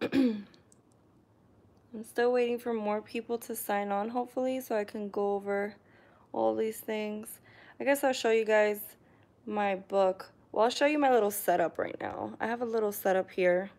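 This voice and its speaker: Her mid-range voice is steady and darkish, moving at a normal speed. She's a young woman from New York in her living room, casually reading live chat comments on her stream with hesitant ums, recorded through a camera on a tripod.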